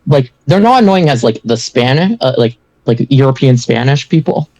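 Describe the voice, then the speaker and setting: A man co-hosting a casual podcast, halting and full of fillers, with frequent swearing. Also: medium pitch, expressive, darkish tone, dry recording, rough recording. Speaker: podcast co-host. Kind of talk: casual chat.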